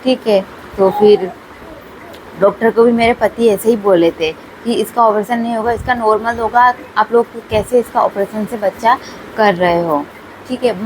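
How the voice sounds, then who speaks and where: A woman's voice: a little high, darkish tone, rough recording. A young woman vlogger telling her own story in a casual, chatty way, repeating herself often. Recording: faint background noise.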